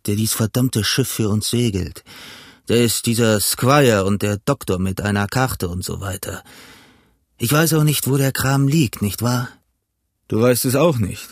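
A man voicing a cunning older pirate cook who talks in a gruff, blustering, lecturing way, in an audiobook reading. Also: medium pitch, dry recording, studio quality, close to an everyday voice.

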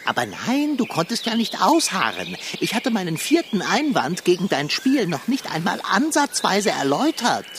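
A man's voice: high-pitched, huge pitch swings, moderate pace, few pauses, noisy background, heavily acted. A man playing a pompous, lecturing fat tomcat. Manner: elaborate, lecturing, know-it-all phrasing. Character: fat pompous male tomcat, nitpicking and food-loving. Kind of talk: children's radio play acting.

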